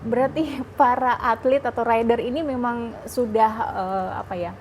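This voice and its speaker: Chatty woman TV host, slightly high voice. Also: steady tone, normal speed, darkish tone, a little hiss or hum. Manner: chatty, laughs often, asks long looping questions with fillers. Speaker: TV talk show host. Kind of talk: studio interview.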